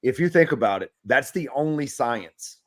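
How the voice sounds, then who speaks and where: A man's voice: mid-range voice, lively intonation, moderate pace. A man co-hosting a casual live show over a video call, wisecracking and teasing. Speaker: co-host.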